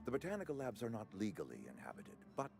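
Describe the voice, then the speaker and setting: Slimy, pompous company administrator, animated. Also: male voice, mid-range voice, fast, vocal fry, over music. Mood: smooth, scheming. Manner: formal, unctuous, pompous. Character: officious, smarmy male company town administrator. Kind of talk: video game character acting.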